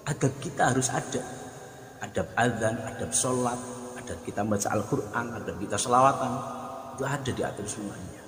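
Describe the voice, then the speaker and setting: A man teaching the call to prayer step by step, explaining plainly and then breaking into long, high sung calls. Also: brisk, fairly bright tone, slight background noise. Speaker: adhan teacher. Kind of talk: spoken tutorial with sung demonstrations. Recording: echoey room with long reverb, faint music.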